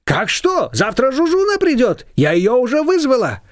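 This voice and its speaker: A man doing a pushy, shrill matchmaking neighbor woman. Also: huge pitch swings, no echo, studio quality, exaggerated voice. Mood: bossy. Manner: pushy, scolding, rapid-fire demands. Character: bossy loud middle-aged female neighbor, matchmaking meddler.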